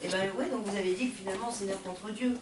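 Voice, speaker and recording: A woman's voice: mid-range voice, racing. Woman in audience, insistent objections, far from mic, roomy hall, crowd around. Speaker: audience member. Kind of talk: questioning from the audience.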